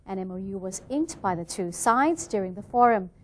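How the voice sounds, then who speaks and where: A woman's voice: medium pitch, animated, moderate pace, a little hiss or hum. A woman reading scripted television news as an anchor.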